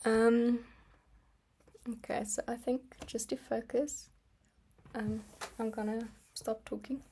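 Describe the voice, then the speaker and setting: A young adult artist whose first language is Afrikaans vlogs casually about her art while stamping and sketching at her desk, rambling with many ums and small laughs. She talks slowly in a fairly high, level, dark voice, with slight background noise.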